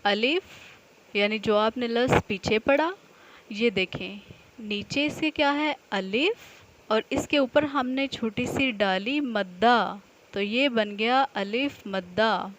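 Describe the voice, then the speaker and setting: A woman teaching a nursery alphabet lesson to young children, stretching each syllable out slowly so they can repeat after her. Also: a little high, poor audio.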